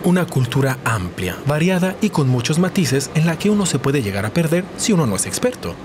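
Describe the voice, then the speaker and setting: A man's voice: on the high side, very animated, a little fast, noisy background. A man reading scripted voice-over narration for a TV report.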